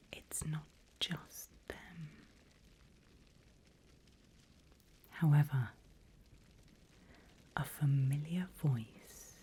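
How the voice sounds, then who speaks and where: In ominous storytelling, a woman whispers as a seasoned demon mentor for an ASMR roleplay. Her deep voice has a dark tone and a little hiss or hum, and she is breathy, deliberate, teasing and playfully sinister.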